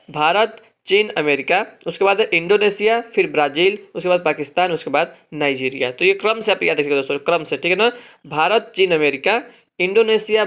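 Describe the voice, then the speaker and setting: A man's voice: sits high, fairly bright tone. A man teaching an exam-prep lesson, explaining memory tricks and checking in with listeners after nearly every phrase. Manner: explains mnemonic tricks, repeats "ठीक है ना" often; addresses viewers as friends, drawn-out repetitions of key phrases.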